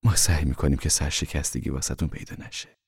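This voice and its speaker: A man voicing a calm, wise mother who speaks softly and reassuringly, almost in a whisper, in an audiobook. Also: low voice, husky, no room sound, studio quality, full character voice. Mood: gentle, reassuring. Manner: soft, soothing, half-whispered. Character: calm, wise, steady mother of a poor family. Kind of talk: audiobook character reading.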